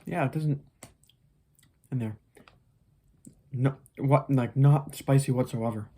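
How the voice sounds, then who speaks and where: A food review host chatting casually in a low-key, hesitant, unhurried way. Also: dark tone, husky. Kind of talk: casual snack review chat.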